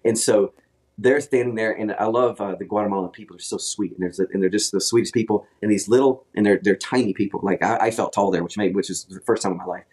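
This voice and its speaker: A man's voice: fairly low pitch, fast, a little mellow. A man telling a long story in casual chat, rambling with restarts and quoting others. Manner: rambling, with many restarts and acted quotes. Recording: played clip from a podcast.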